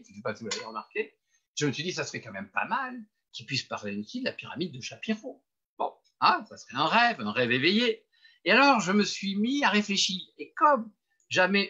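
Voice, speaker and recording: This webinar speaker, an older Frenchman, talks about marketing in a bright, forceful, somewhat high voice with some breathiness. He makes his points emphatically while joking at his own expense. A computer microphone captures him in muffled, low-fidelity sound.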